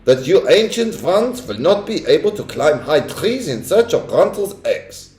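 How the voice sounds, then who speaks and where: Bossy shrill witch lady that a man voices, big swoops, roomy sound. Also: big pitch swings, measured pace, a little mellow. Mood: imperious. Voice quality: shrill and theatrical. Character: shrieking, domineering female witch leader.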